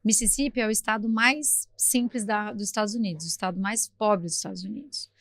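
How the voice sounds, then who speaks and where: A middle-aged woman from Brazil, a podcast guest who tells her story in a lively, talkative way, acting out sounds as she goes. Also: mid-range voice, a little fast, vocal fry, no room sound, clean studio sound.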